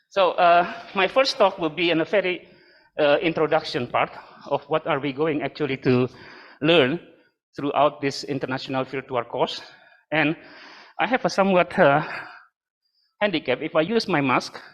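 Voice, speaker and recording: An older man from Indonesia giving a university lecture in a room, halting with many fillers and joking asides. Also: a little high. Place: lecture room with a live and online audience.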